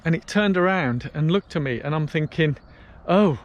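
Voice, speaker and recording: A man's voice: a little high, a little fast, lo-fi sound. A British man talking casually to his viewers as he walks outdoors, telling stories in a chatty vlog style. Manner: chatty storytelling while walking outdoors. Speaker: vlogger. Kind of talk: casual walk-and-talk vlog. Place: outdoors on a canal path. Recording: faint outdoor ambience and traffic noise.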